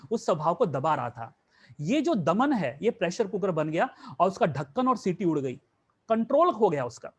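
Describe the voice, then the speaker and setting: A man teaching a spiritual class, asking rhetorical questions and answering them himself, mixing in English words. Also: high voice.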